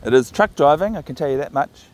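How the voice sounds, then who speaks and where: A man's voice: fairly high pitch, lively intonation, a little mellow. A man with a New Zealand accent rambling casually and thinking aloud as he records a vlog on a walk. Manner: unhurried, thinking aloud, musing. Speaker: vlogger walking his dog. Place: outdoors, walking along a path. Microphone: phone recording while walking.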